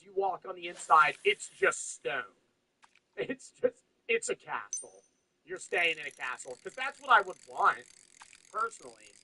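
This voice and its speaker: Bright-voiced young man chatting on stream. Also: high voice, a little hiss or hum, low-quality recording. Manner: rambling, swears, laughs often. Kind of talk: casual chat.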